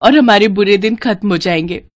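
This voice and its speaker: A woman voicing a poor farmer's kind, devoted wife in a cartoon story, gentle and eager. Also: mid-range voice, fairly quick, no room sound, clean studio sound, close to an everyday voice. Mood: earnest.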